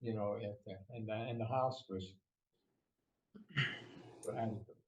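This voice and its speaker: Eighty-something guy rambling folksy, warm low tone, roomy muffled sound. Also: fairly even intonation, measured pace. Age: 80s. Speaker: property owner. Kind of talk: casual testimony.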